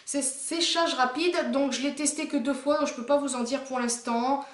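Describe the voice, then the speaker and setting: A woman's voice: high voice, steady tone, moderate pace. A young woman from France chatting casually through a makeup haul video, rambling with lots of fillers and restarts. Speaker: beauty vlogger. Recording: echoey room.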